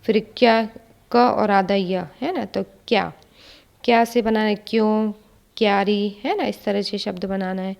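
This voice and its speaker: A woman teaching a children's grammar lesson, patiently spelling out words letter by letter and often adding a quick check-in question. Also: medium pitch, fairly even intonation, creaky, a little mellow. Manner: often adds tag questions.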